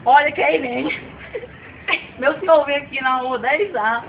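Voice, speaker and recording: A woman telling a personal anecdote in a lively, dramatic, playful way, in a dull, noisy recording. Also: sits high, measured pace, vocal fry. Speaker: storyteller.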